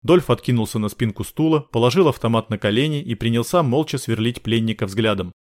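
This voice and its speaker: A man reading an audiobook chapter in a steady, measured narration. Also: medium pitch. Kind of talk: scripted narration.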